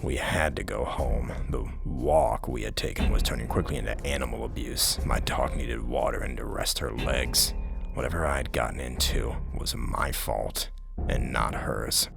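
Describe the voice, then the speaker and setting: A man narrating a scary story in a low, haunting, gravelly voice that at times sinks toward a breathy whisper. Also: steady tone, moderate pace. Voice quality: deep, gravelly. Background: music.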